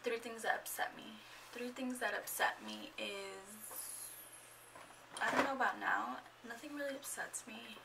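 A woman's voice: on the high side, sing-song, measured pace, distant mic, heavy background noise. A young woman in her twenties chatting casually in a get-to-know-me vlog at home, rambling and a bit awkward, full of fillers. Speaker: vlogger. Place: at home indoors. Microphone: camera microphone.

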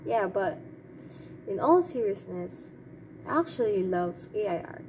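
This woman's mid-range voice is animated and a little mellow, moving at a measured pace. She muses aloud about her opinions in a rambling, hesitant, informal way. Background noise is clearly audible.

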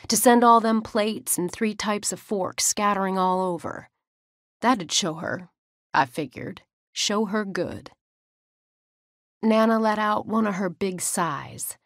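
A woman's voice: medium pitch, normal speed, hardly any pauses, dry recording, clean studio sound. A woman with a drawl, narrating an audiobook in first person in a folksy way.

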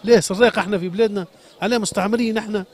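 In a street interview, a Sfax shoemaker with a Tunisian Arabic accent vents an agitated, impassioned grievance, asking the same questions again and pleading. He talks very fast in a high-pitched voice with a steady tone.

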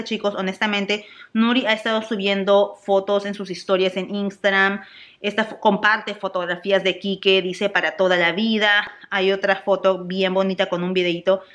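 A young adult woman from Peru with a Peruvian Spanish accent, chatting excitedly in a casual gossip vlog and dropping English exclamations. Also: medium pitch, normal speed. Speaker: celebrity gossip vlogger.

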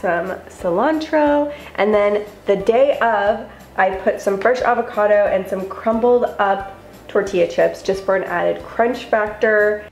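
A woman's voice: medium pitch, unhurried, reverberant, faint music behind. A young woman vlogger talking through her cooking steps in a chatty, upbeat voice-over. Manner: upbeat, chatty, step-by-step instructions. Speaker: lifestyle vlogger. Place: home kitchen.

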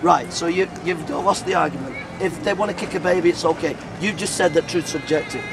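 A man's voice: fairly high pitch, fairly quick, vocal fry. A middle-aged male street preacher in a debate, assertive and repetitive, cutting in to take back the floor. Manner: assertive, keeps cutting in, repeats phrases. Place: outdoor city square. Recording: outdoor recording with street noise.

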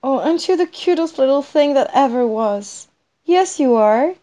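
A woman voicing a flamboyant vaudeville star who owns a theater, loud and gushing in a theatrical way. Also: mid-range voice, moderate pace, close to an everyday voice. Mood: doting.

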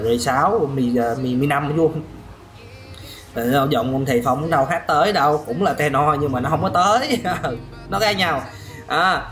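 A man teaching singing in a lively question-and-answer lesson, often chuckling and demonstrating voices. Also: medium pitch. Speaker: vocal coach. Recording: roomy room with faint music.

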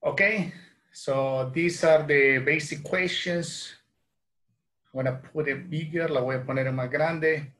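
A man in his thirties from El Salvador with a Salvadoran Spanish accent, teaching a bilingual English lesson from a small room at home, repeating phrases slowly and then translating them into Spanish. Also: on the high side, steady tone, a bit bright.

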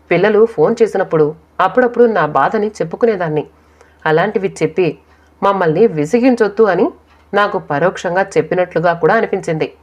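A woman narrating a first-person story in a quiet, sorrowful storytelling manner. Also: fairly low pitch. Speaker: audiobook narrator. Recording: dull lo-fi recording.

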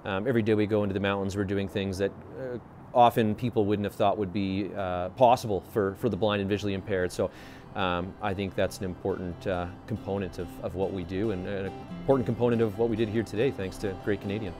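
A man in his thirties, a blind skier, speaking measured with fillers in an outdoor interview, on a lapel mic. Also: on the low side, steady tone, a little mellow, soft background music. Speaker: blind skier and fundraiser organizer. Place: outdoor deck by forest.

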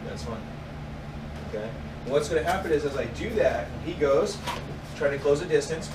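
A man's voice: on the high side, animated, moderate pace, distant mic. A man instructing a martial arts class, talking while he demonstrates moves and adding sound effects. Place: garage dojo with mats, indoors. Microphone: far camera. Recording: echoey room, heard from afar, loud noise.

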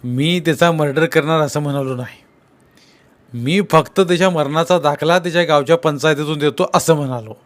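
A man voicing a hot-tempered village man accused of murder, speaking in a with loud, defensive, agitated outbursts. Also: fairly high pitch, fairly quick, lightly acted.

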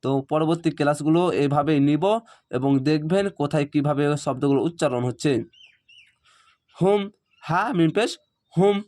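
A fairly high-pitched man leads a Quran reading lesson. He sounds out syllables one by one, then rushes through his explanations in a relaxed, conversational way. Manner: spells out Arabic syllables slowly, then explains in quick conversational asides. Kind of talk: spelling-out recitation lesson.

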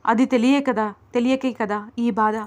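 A woman's voice: a little high, fairly even intonation, moderate pace, lightly acted. Woman reading an earnest, pleading young husband. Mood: puzzled. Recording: dull lo-fi recording.

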